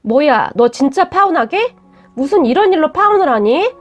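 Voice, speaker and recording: A woman's voice: high voice, big pitch swings, moderate pace, highs cut off, faint music behind. A woman voicing a blunt, defensive young man who scolds his fiancée in a read-aloud story. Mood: dismissive.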